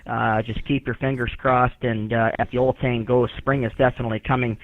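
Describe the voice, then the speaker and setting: A man serving as net control for an amateur radio net is heard through a ham radio receiver, sounding tinny and dry. He's polite and formal, using many "uh" fillers while spelling out call signs in the phonetic alphabet, in a medium-pitched, fairly quick voice with little pitch movement.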